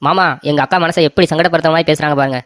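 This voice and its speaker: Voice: mid-range voice, fairly even intonation, rapid-fire, a bit bright, no room sound, studio quality, lightly acted. A voice actor playing a cheeky young brother-in-law in a cartoon comedy, wheedling for a gift.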